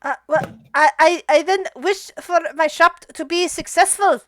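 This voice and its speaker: A woman's voice: very high voice, measured pace, a bit bright, no room sound, clean studio sound, voice pushed up. A woman voicing a startled, hesitant male cat-man pawnbroker who stammers, in a tabletop game. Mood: pondering.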